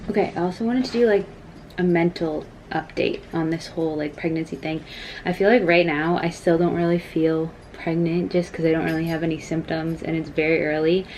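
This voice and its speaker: A woman's voice: low voice, steady tone, brisk, darkish tone, slight background noise, rough recording. A young woman, early in pregnancy, chatting casually to camera as a vlogger, full of "like" and "freaking".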